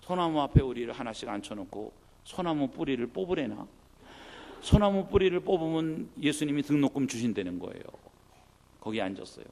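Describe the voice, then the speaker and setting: A middle-aged male pastor with a gravelly voice delivers a sermon at a middle pitch. He tells a personal story from his childhood with lively storytelling. He acts out his mother's pleading prayers along the way. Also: fairly quick.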